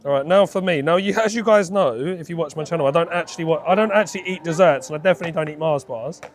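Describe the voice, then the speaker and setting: A man's voice: on the high side, quick pace, slight background noise. A man hosting a food vlog, talking casually to viewers as he presents.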